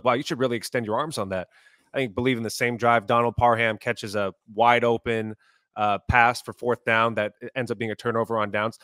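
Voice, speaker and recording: A man co-hosting a sports podcast, recounting plays fast and with animated exasperation. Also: mid-range voice, dry recording, clean studio sound. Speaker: podcast co-host.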